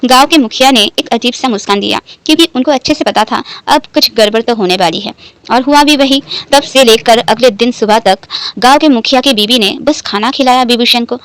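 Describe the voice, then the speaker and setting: A woman's voice: fairly high pitch, brisk, fairly bright tone, rough recording. A woman narrating a romance fan fiction story, lightly voicing the characters' lines in her own voice.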